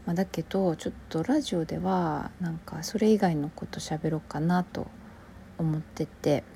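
Mellow Kansai woman, rambling soft chat. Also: low voice, normal speed, vocal fry, slight background noise. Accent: Kansai Japanese. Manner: relaxed and rambling, often dropping to a soft near-whisper. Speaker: actor hosting her own solo audio show. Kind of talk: casual solo podcast chat.

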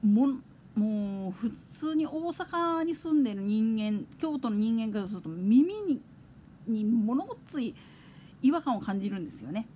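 Lively high-voiced woman chatting. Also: moderate pace, a little hiss or hum. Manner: chatty, digressive, with soft laughs. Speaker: podcast host. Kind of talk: casual solo chat radio.

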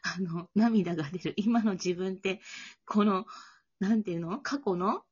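A woman's voice: medium pitch, a little slow, darkish tone, slightly rough, dull audio. A woman with a Kansai Japanese accent co-hosting a casual chat podcast, playful and easygoing. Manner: playful, easygoing, laughs often. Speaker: podcast co-host.

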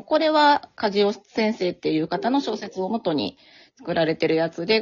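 A woman's voice: on the low side, a little mellow. A woman, a guest on a casual fan chat, eagerly explaining and telling the story. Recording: dull lo-fi audio.

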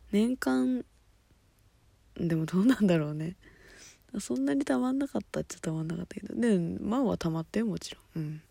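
A woman hosting a solo talk show, chatting casually, laughing often and dropping to soft murmurs. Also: fairly low pitch, gravelly, husky, no echo. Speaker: podcast host. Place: at home at night.

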